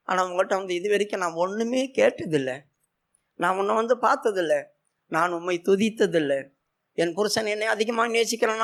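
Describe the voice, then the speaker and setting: A grieving, childless wife pours out her complaint in a pleading tone, as a male preacher puts her on. The voice is very high and gravelly, with a rough, creaky edge. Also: fairly bright tone, full character voice. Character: grieving barren wife pouring out her heart.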